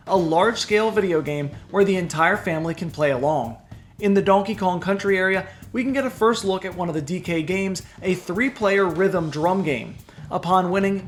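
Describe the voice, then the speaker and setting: Male narrator, high-pitched voice, scripted online video voice-over, clearly presentational and enunciated. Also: slight background noise. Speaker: theme park news video narrator.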